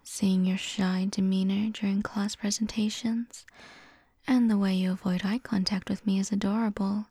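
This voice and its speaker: A woman playing a doting, dominant young student in love, in a whispered role-play, speaking softly and teasingly right into the listener's ear. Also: medium pitch, level tone, moderate pace, slightly rough, dry recording, studio quality. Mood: tender, possessive. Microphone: very close, dry.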